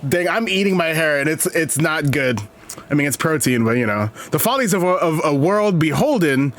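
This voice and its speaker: A male streamer reads game reviews aloud and rambles through joking asides. His voice sits high for a man and leaps around animatedly. He laughs often between remarks. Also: lively intonation, normal speed, a bit bright. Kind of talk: casual live-stream reaction, reading aloud.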